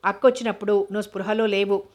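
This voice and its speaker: A curt, serious young man, read by a woman storyteller. He speaks in a flat, even line and sounds irritated and terse. This is an audiobook reading. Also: medium pitch, fast, lightly acted.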